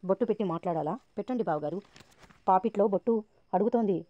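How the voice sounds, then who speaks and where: A woman's voice: mid-range voice, fast talker, no echo, dull audio, natural voice. A woman narrator reading the lines of a scheming, sarcastic young woman. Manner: sarcastic and goading.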